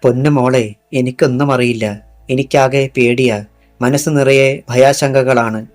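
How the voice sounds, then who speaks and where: A man's voice: medium pitch, fairly even intonation, unhurried, soft background music, natural voice. A man voicing a frightened, grieving middle-aged mother who pleads with her daughter in an audiobook. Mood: fearful. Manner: pleading, fearful.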